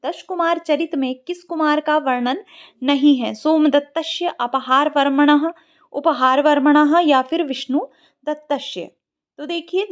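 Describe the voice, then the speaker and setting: High-voiced woman teaching Sanskrit. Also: muffled recording. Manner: patient, repeats words slowly to model pronunciation. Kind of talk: exam-prep lesson.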